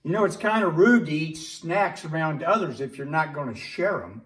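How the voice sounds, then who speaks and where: A man's voice: fairly high pitch, lively intonation, moderate pace, fairly bright tone. A man voicing a cheerful male puppet friend in a church skit, patiently explaining and angling for chips. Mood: wheedling. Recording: echoey room, distant mic.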